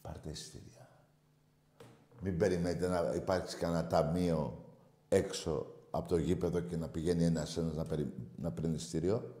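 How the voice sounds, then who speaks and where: A man hosting a call-in radio show, brash and insulting, shouting at callers. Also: low-pitched, fairly even intonation, echoey room. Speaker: radio show host taking calls.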